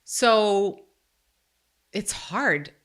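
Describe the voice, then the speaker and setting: A Croatian woman in her forties hosts a casual podcast, chatting in a candid, self-deprecating, joking way. Her mid-range voice is a bit bright, with lively intonation, and she speaks extremely slowly.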